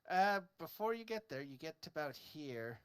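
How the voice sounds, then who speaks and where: A man's voice: a little high, big pitch swings, normal speed, fairly bright tone, clean tone. A man improvising narration as the game master of a tabletop role-playing game.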